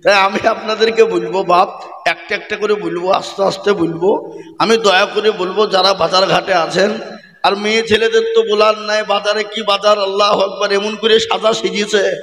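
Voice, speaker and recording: A male preacher delivers a fiery sermon in a high, piercing voice. He slips into lilting, half-sung verses and keeps pressing the crowd for answers. His voice carries a long, roomy echo from loudspeakers at a large gathering. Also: level tone, normal speed. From West Bengal, India. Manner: repeatedly demands answers from the crowd. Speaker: Islamic preacher.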